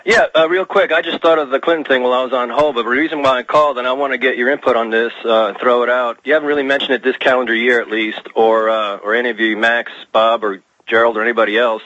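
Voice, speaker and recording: A man's voice: medium pitch, fairly even intonation, fast, hardly any pauses, bright, forceful tone, no room sound. A man phoning into a talk radio show, speculating casually and tentatively over a lo-fi call-in line.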